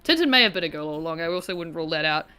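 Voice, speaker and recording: A woman's voice: low-pitched, animated, very fast, sharp tone, clear, resonant tone, soft background music. A woman with a broad rural New Zealand accent giving casual gameplay commentary in a rambling, sweary, self-deprecating way. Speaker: gaming video host.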